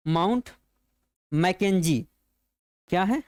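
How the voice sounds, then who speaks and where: A man's voice: sits high, lively intonation, darkish tone, clean tone, dry recording, studio quality. A male teacher giving an exam-prep geography lesson, repeating each point and turning it into a question for his students. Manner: slow, repetitive explaining.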